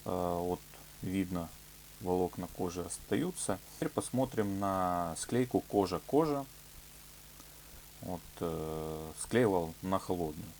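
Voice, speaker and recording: With a deep, slow, somewhat mellow voice, the presenter of this leathercraft workshop shows a product in an informal, hands-on way. He hesitates and uses filler words as he explains each step, over a clear recording with humming background noise.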